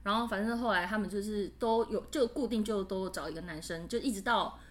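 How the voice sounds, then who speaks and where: A woman co-hosting a podcast tells a frightening personal story in casual conversation, laughing candidly as she goes. Her voice is mid-range and her pace a little fast.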